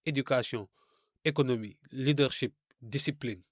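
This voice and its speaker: A man from francophone Africa delivers a scripted commentary in a medium-pitched voice. His manner is didactic and rhetorical, and he addresses the listener directly. The sound is dry and close, with no room around it. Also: normal speed, no echo. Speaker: video essayist.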